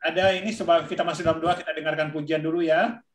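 A man hosting a church talk show, sharing a personal testimony in a rambling way, pausing on fillers. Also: on the high side, fairly even intonation, roomy sound. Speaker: ministry host.

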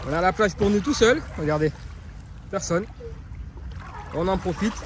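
A man's voice: high-pitched, moderate pace, a little hiss or hum. A French father outdoors on a beach, filming with a handheld camera and calling out to his daughter in repeated, laughing encouragement. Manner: repetitive coaxing calls to a child, often laughing. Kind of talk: family vlog narration. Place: sandy beach by the sea, outdoors.

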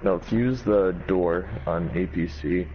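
A man trolling his friends in a gaming voice chat, talking in a flat monotone. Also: low voice, slow pace. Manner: monotone, trolling mock-solemn lines. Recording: dull lo-fi voice chat with faint noise.

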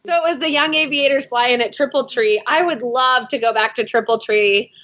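A woman hosts a podcast and tells stories with energy, acting out quoted lines. Her voice sits a little high. The audio is slightly dull and lo-fi. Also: normal speed. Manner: animated storyteller who acts out quotes. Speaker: podcast host. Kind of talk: casual podcast chat.

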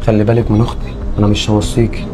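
A man's voice: fairly low pitch, completely flat delivery, rapid-fire, over music, natural voice. A man playing a protective Egyptian husband. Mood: reassuring. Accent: Egyptian Arabic. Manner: reassuring and earnest. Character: protective young husband and caring brother. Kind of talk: Egyptian web drama acting.

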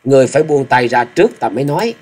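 A man's voice: fairly low pitch, sing-song, normal speed, a little mellow, slightly rough. A man doing a proud young swordsman. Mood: angry. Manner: formal, proud replies. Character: young male swordsman, polite but stubborn.

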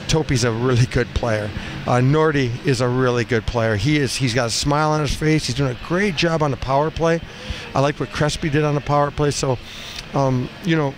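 A mid-range voice belongs to a hockey coach in his fifties, giving an unscripted postgame interview in a small indoor cinder-block room at a rink. He speaks bluntly and haltingly, often repeating himself, into a headset boom mic over a steady background din.

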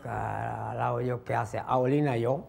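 Scheming shopkeeper, broken grammar, low muttering, gravelly; a man puts it on. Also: fairly even intonation, measured pace, background noise. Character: male immigrant shopkeeper speaking broken Spanish, scheming.

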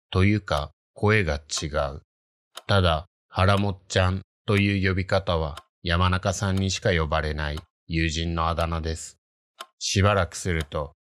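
A man narrates a scripted horror tale in a low voice. His delivery is hushed and creepy, recorded close and dry, as a ghost story reader. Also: dry recording.

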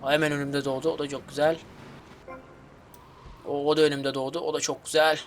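Excitable high-voiced man gaming. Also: fairly quick. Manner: excitable, grumbling and cursing at the game. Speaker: gaming YouTuber. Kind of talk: let's play commentary.

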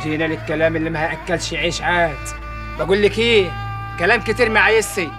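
A man's voice: fairly high pitch, steady tone, fast, music in the background, lightly acted. An actor with an Egyptian accent playing a scornful young man who jilts his lover. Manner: scornful, dismissive.

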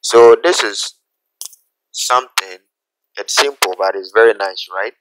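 A man teaching a graphic design software tutorial, talking through each step slowly and checking in with "okay?" as he goes. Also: lowish voice, background noise. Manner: unhurried, repeats steps, asks "okay?" often. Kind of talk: screen-recorded software tutorial.

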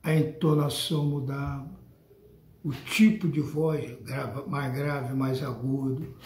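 A man's voice: medium pitch, fairly even intonation, slow pace, a little mellow, reverberant. An older man with a Brazilian Portuguese accent lectures his followers on a spiritual book in an emphatic, scolding tone. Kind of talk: monologue addressed to followers.

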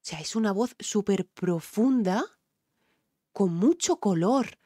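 A woman's voice: mid-range voice, expressive, takes it slowly, dark tone, breathy edge, dry recording, studio quality. A woman from Spain, a singer, with a Spain Spanish accent, commenting on music in an effusive, exclaiming way with frequent fillers. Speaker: singer and vocal coach reacting to music.

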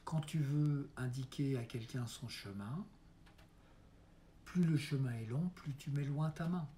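A man reading as an aging mime coaching his son, slow and mellow. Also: mid-range voice, slight background noise, lightly acted. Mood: coaxing mentor. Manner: earnest, coaxing, drops to soft hushed asides. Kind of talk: dramatic monologue reading.

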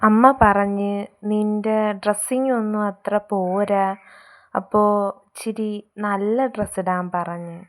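A woman's voice: medium pitch, steady tone, slow, long pauses, lightly acted. A woman playing a meek young husband caught between wife and mother in a comedy sketch, speaking in a hesitant, placating way.

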